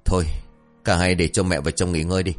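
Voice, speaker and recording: A man's voice: low-pitched, flat delivery, fast, faint music behind, natural voice. A man voicing a stern, angry middle-aged father in a read-aloud family story, scolding harshly.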